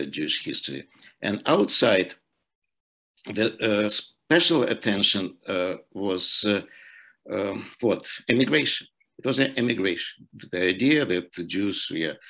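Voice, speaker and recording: Low husky older man with an accent. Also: fairly bright tone. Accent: Ukrainian. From Ukraine. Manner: halting, many fillers and repeats. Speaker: panelist, scholar. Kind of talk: online panel talk. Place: room at home. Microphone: laptop webcam, video call.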